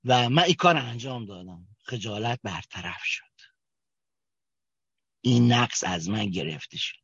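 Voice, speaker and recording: A man from Kerman with a Kermani accent tells his recovery story at a group meeting, halting often with fillers and restarts. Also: medium pitch, lively intonation, creaky, fairly bright tone, breathy edge, no room sound. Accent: Kermani Persian. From Kerman, Iran. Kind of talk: personal testimony at a recovery meeting. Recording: dull, dry recording.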